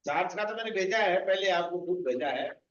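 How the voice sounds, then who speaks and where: A man teaching a law coaching class, mixing Hindi with slow, deliberate English legal phrases. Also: sits high, lively intonation, a bit bright. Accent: Rajasthani Hindi. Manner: addresses students directly, explaining step by step. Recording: echoey, distant, muffled room recording.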